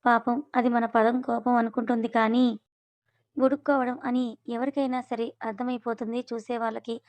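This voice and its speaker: A woman's voice: a little high, flat delivery, normal speed, darkish tone. A woman narrating a story and voicing its characters, with chatty, affectionate asides to the listener.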